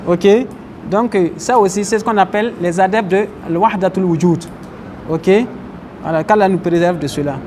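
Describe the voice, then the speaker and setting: A high-pitched man with a darkish tone, speaking at normal speed, is an Islamic teacher giving a religious class in a mosque. He explains Arabic terms and questions his audience, against slight background noise and faint outdoor traffic.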